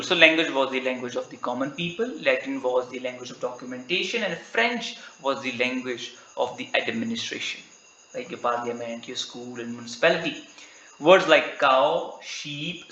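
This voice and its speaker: A man's voice: medium pitch, pushed and bright, highs cut off, slight background noise. A man with an Indian English accent teaching an exam-prep literature lecture, often asking questions and answering them himself and ending lines with "right?". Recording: echoey room.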